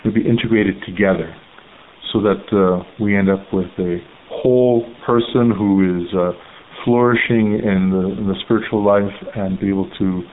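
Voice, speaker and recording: A Canadian man in his forties, a priest and seminary rector, answering radio interview questions in a halting way with many ums and uhs. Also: lowish voice. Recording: tinny phone-line sound with faint hiss.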